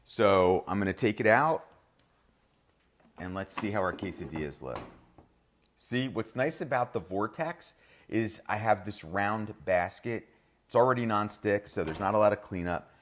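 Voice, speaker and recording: Chatty New Jersey man, low voice. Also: lively intonation, unhurried. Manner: upbeat, chatty, addresses viewers as "you guys". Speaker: cooking show host. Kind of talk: live cooking demonstration.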